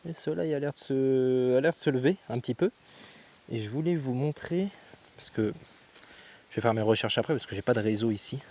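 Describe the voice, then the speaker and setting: A man's voice: medium pitch, a little fast, darkish tone. A young man chatting casually to his own handheld camera as a travel vlogger, slangy and loose, calling his viewers guys and thinking aloud with lots of fillers and restarts. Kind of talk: casual vlog talk to camera.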